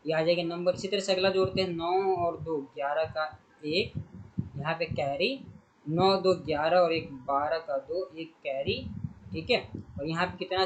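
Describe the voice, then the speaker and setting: A man's voice: on the high side, low-quality recording. A man teaching a primary school math lesson, working through sums step by step and speaking directly to pupils.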